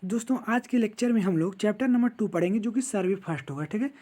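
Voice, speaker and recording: A man's voice: sits high, fast talker, warm tone. A man teaching an online classroom lecture, explaining step by step and checking in with "ठीक है" after almost every point.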